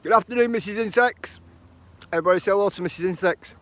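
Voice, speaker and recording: A man from northern England with a Lancashire accent chats casually on a walking live stream outdoors by the water. He greets viewers by name and calls them bro and bruv. His voice is high, quick and a bit bright.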